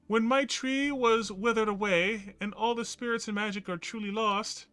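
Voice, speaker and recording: A man's voice: sits high, steady tone, moderate pace, pushed and bright, clean tone, dry recording, voice pushed up. A man voicing a solemn female guardian spirit of a tree, speaking in a grave, formal and pleading way in a game.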